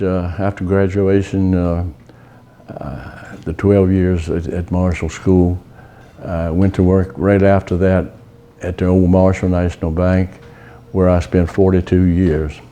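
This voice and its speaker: A man in his eighties from Virginia, reminiscing about his hometown in an unhurried, folksy way, with many pauses and fillers. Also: low-pitched, little pitch movement, warm tone. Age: 80s. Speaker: local resident sharing memories. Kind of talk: casual reminiscing. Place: outdoors on a town street.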